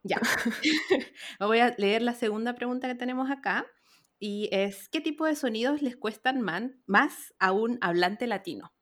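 A woman's voice: on the high side, unhurried. Laughing woman hosting a chat. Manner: relaxed, laughs often while talking. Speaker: host. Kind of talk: casual panel chat.

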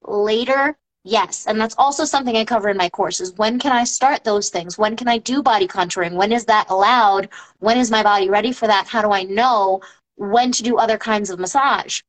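A woman's voice: mid-range voice, normal speed, poor audio. A woman in her thirties, a post-op massage therapist, talking casually and emphatically to her followers, her voice rising when she gets indignant. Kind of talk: casual live-stream talk to followers.

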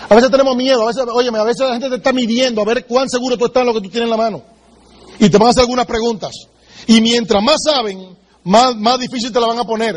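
A man giving a motivational sales training talk, direct and emphatic, speaking straight to the listener and acting out sales conversations. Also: extremely high pitch. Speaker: business seminar speaker.

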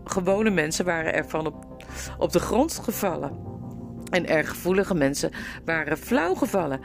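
A woman reading a children's novel aloud with expressive, lively storytelling. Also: on the low side. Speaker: storybook narrator.

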